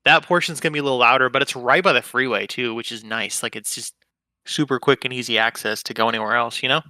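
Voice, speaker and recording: A man's voice: medium pitch, quick pace, bright, forceful tone, no echo, clean studio sound. Young man in loose, profane podcast chat. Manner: rambling, profane, laid-back. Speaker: podcast co-host. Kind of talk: casual chat.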